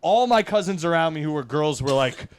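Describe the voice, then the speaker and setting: A man's voice: a little high, animated, fairly quick. A young man co-hosting a podcast, telling long rambling anecdotes in casual chat and laughing mid-sentence. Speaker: podcast co-host.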